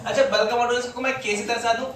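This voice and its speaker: In an echoey classroom recorded from far off, with students murmuring, a man lectures on physics, quizzing and teasing his students as he goes. His voice is very high-pitched and level in tone, and he talks fast.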